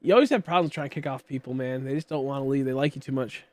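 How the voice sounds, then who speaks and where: A mid-range male voice talks very fast, with no room sound in the recording. He's in his late twenties, casually chatting as he streams a game, rambling and making self-mocking jokes to viewers and a friend.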